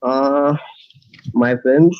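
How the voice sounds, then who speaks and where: A man's voice: medium pitch, fairly even intonation, drawn-out words, clean tone, dry recording. Guy contestant on a video call, hesitant, lots of uhs, muffled dry sound. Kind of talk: casual self-introduction. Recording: dull dry lo-fi call audio.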